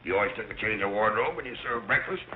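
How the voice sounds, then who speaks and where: An actor playing a gruff, exasperated wealthy father in blustery screwball comedy banter, 1930s film style. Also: lowish voice, lively intonation, quick pace, slight background noise, lightly acted. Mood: suspicious. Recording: muffled old film soundtrack.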